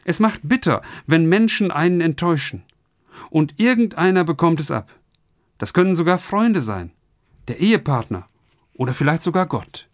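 Earnest man giving a lively radio sermon. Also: on the high side, normal speed, no echo, studio quality. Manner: earnest, addresses listeners directly. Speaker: radio preacher.

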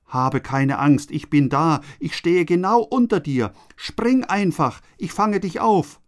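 A man's voice: fairly high pitch, expressive, slow pace, voice pushed up. A man voicing a father calling up urgently to his trapped son, raising his voice above his usual tone. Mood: urgent reassuring. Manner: urgent, raised voice.

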